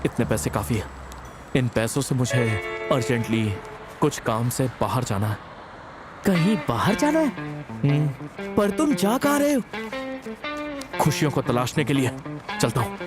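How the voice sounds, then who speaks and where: A man's voice: mid-range voice, big pitch swings, unhurried, long pauses, over music. An actor dubbing a playful young man who coaxes and pleads, in a dubbed drama. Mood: coaxing. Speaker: dub actor.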